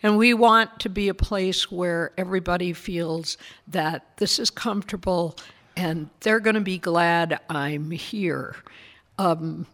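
An older woman minister answering interview questions in a measured, thoughtful way, explaining things patiently. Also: fairly low pitch, fairly bright tone.

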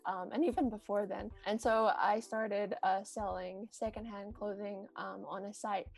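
New Zealand accent, woman, thirties, gravelly, monotone, chatty with ums. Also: mid-range voice, a little slow, faint music behind. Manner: chatty, many ums, laughs often. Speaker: vintage shop owner, guest. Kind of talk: casual interview.

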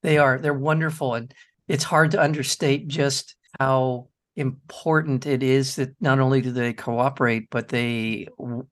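A man's voice: mid-range voice, fairly even intonation, unhurried. A man hosting a radio interview with a filmmaker, enthusiastic and thinking aloud with frequent restarts. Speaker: radio show host.

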